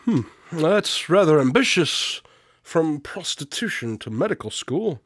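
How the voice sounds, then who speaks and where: An actor playing a shrewd, inquisitive consulting detective in a radio drama, with a measured manner. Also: male voice, on the high side, very animated, a bit bright, no echo, studio quality, exaggerated voice. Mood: probing.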